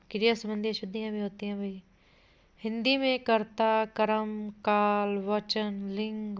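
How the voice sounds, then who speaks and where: A woman teaching an exam-prep grammar lesson. She reads out sentences, asks what a word means, corrects it, and calls her listeners "bhai". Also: medium pitch. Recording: dull lo-fi audio.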